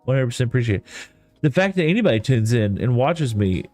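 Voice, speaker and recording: A man's mid-range voice swings widely in pitch as he talks at a quick pace. He's from East Texas, with a Texan accent, rambling casually and folksily at his own expense while livestreaming a game. Soft lofi music plays underneath.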